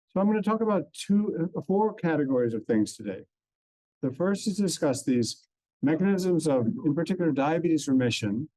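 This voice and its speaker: Man at mid pitch, conference lecturer, technical but relaxed, dry close sound. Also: dry recording, low-quality recording. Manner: dense technical explaining, relaxed asides. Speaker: conference speaker. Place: conference hall.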